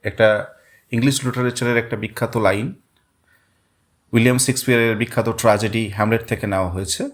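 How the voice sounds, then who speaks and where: With a steady tone and a fairly low pitch, this male teacher walks through a Bengali-language literature lesson one step at a time. He reads English quotations at a very slow pace and says words again to mark their stress.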